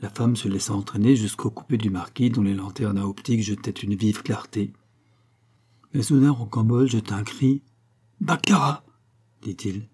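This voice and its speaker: A man reading a classic novel aloud as an audiobook narrator, in a steady, measured way. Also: lowish voice, breathy edge. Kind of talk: scripted narration.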